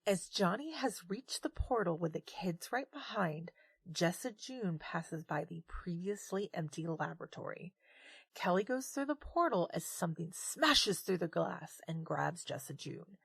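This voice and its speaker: A woman's voice: lowish voice, expressive, a little slow, creaky, breathy edge, no echo. A woman narrating a tabletop game as game master, describing events dramatically.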